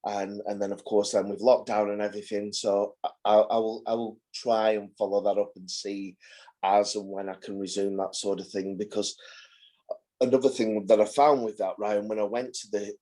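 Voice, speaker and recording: A man in his forties with a somewhat low voice shares his experience in a support group over a video call. He talks hesitantly, restarting and repeating his words as he works out what to say. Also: flat delivery, moderate pace, mellow. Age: 40s. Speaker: carer and group participant. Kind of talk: casual group chat.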